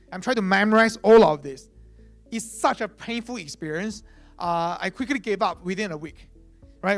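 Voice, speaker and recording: A chief product officer whose first language is Chinese gives a conference talk in a conversational style. He uses many "uh" fillers and "right?" tags, and his voice is high-pitched.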